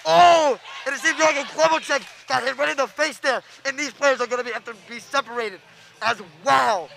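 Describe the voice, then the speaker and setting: A young man calling live hockey play-by-play, excitable and quick, stumbling over names as he goes. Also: very high voice, creaky, poor audio. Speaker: play-by-play announcer.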